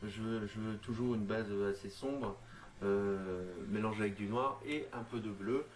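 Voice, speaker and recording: A man talking through a miniature painting tutorial in a casual, halting way, full of fillers and restarts. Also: lowish voice, fairly even intonation. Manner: hesitant, lots of fillers and restarts, addresses viewer informally.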